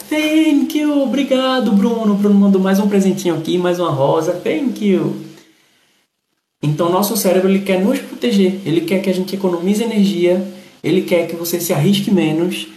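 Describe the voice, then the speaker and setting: A man's voice: a little high, a little mellow. A man with a Recife Brazilian accent who says s as a slushy sh, giving a casual motivational livestream talk, explaining and thanking viewers. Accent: Recife Brazilian Portuguese. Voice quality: slushy sh sound for s. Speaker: livestream host. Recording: echoey, roomy sound.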